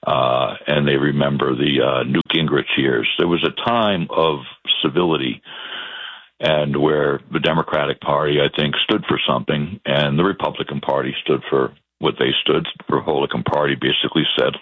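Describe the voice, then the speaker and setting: A man from Massachusetts with a Boston accent, a guest in a political interview, talking haltingly with many fillers and restarts. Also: a bass voice, steady tone, husky, no room sound, phone-quality sound.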